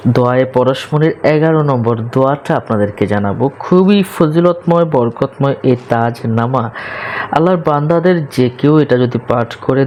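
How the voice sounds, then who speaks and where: A man presenting a devotional talk, explaining a prayer briskly and then reciting long Arabic invocations in a slow chant. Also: mid-range voice, a little mellow. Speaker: religious presenter. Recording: slightly dull recording with faint background hiss.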